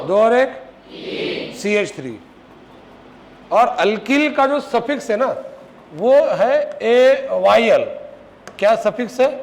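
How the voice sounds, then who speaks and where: A man teaches a chemistry class, pitching his voice high as he fires question after question at his students. He scolds them when they are slow to answer. The classroom recording carries a steady layer of noise. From Maharashtra, India. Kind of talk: classroom lecture.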